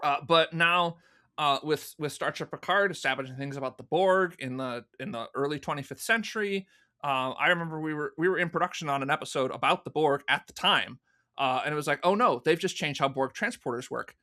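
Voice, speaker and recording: A man with a slightly high, bright, forceful voice talks fairly quickly. He's a fan audio drama producer being interviewed, offering long conversational, story-filled answers and acting out the comments he recalls.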